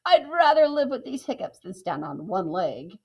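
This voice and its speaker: A woman's voice: mid-range voice, sing-song, normal speed, vocal fry, breathy edge, exaggerated voice. A woman voicing a small male bird with hiccups, blunt and stubborn. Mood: fed up.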